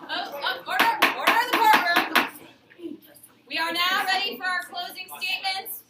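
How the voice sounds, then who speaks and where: A woman's voice: very high-pitched, fairly even intonation, moderate pace. A young woman acting as judge in a mock trial, giving formal rulings and calling for order. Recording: echoey room, far from mic, loud noise.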